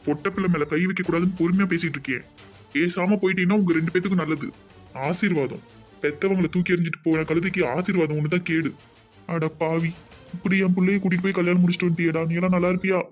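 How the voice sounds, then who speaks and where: A man's voice: high-pitched, steady tone, quick pace, faint music behind, lightly acted. A man voicing a stern, angry village father in a cartoon, with a Tirunelveli Tamil accent and a blunt, threatening bark. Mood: furious. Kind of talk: cartoon voice acting.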